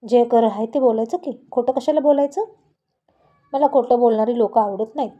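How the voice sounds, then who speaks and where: A woman's voice: on the high side, moderate pace, muffled recording, close to an everyday voice. A woman playing a blunt, impatient young wife. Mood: firm. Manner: blunt, demanding.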